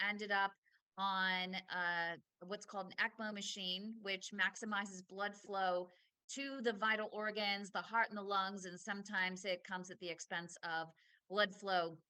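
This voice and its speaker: A woman hosting an interview, explaining the background in a measured way. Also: mid-range voice, bright, forceful tone, clean tone, no echo. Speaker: host. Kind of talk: interview talk show.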